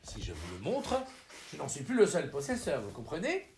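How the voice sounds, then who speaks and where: A man's voice: on the high side, huge pitch swings, normal speed, a little mellow. A man voicing an eccentric, impoverished male wanderer who speaks in an earnest, slyly whimsical way.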